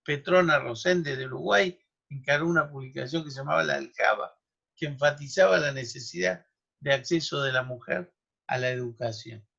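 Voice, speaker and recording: A man lectures on law at a university, walking students through history and reeling off names and dates with side remarks. His voice sits mid-range with vocal fry and a fairly bright tone, delivered at a moderate pace. The recording is dull and lo-fi.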